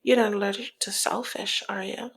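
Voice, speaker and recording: A woman plays a flirty, teasing, dominant female mob boss in an intimate, one-sided ASMR roleplay. Her medium-pitched, slightly bright voice is steady, breathy and husky, often slipping into a near-whisper, with a slow, sultry, playful taunting manner and a flirty, playful mood. The recording is rough.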